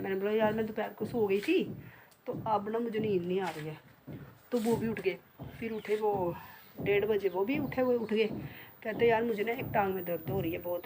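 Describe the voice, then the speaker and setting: A middle-aged woman chats casually to her viewers from home, rambling and circling back over her own words. Her voice sits at an ordinary pitch. The room is echoey, with a steady noise underneath. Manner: rambling, repeats herself, talks to viewers directly. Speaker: vlogger. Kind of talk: casual chatty storytelling to viewers. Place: home, indoors.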